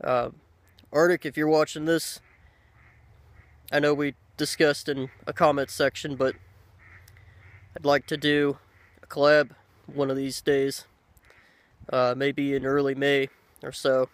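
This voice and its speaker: A man in his thirties chatting casually to the camera outdoors, unhurried and halting, with pauses. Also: mid-range voice, flat delivery, no room sound. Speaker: pipe-smoking video blogger. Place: outdoors by a lake in woods. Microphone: handheld camera at arm's length.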